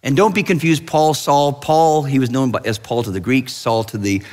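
A man's voice: medium pitch, normal speed, darkish tone, long reverb tail. A male pastor giving a conversational sermon, telling stories with restarts and asides.

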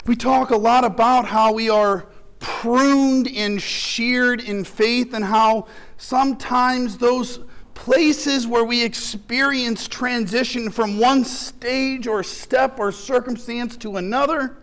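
High-voiced, slow-preaching male pastor. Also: fairly even intonation, a bit bright. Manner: impassioned preaching with rhetorical questions. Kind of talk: sermon.

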